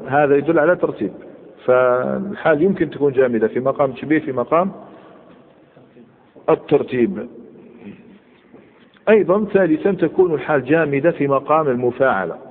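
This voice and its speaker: Man, grammar teacher, quizzes students, tinny phone-like sound, long hall echo. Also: medium pitch. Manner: explains step by step, quizzing students with short questions. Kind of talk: classroom grammar lesson. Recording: phone-like tinny recording with long hall reverb and faint hiss.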